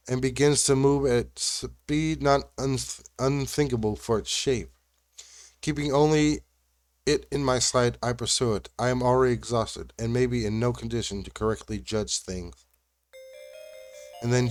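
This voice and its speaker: A young man reading a visual novel game aloud with halting, uneven delivery and restarts. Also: mid-range voice, steady tone, dry recording.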